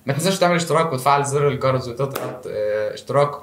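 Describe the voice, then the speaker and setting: A man's voice: mid-range voice, lively intonation, racing, a little hiss or hum, voice pushed down, natural voice. A man with an Egyptian accent mockingly imitating a video creator who rattles off requests to subscribe, like and comment, in a roomy-sounding recording. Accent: Egyptian Arabic. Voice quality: rattled-off, sing-song mock routine. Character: generic male video creator reciting subscribe plea. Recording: roomy echo.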